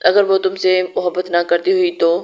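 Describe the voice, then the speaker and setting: A woman's voice: lowish voice, completely flat delivery, moderate pace, a little mellow, natural voice. A woman voicing an eager lovestruck young man. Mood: earnest pleading. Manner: pleading, earnest.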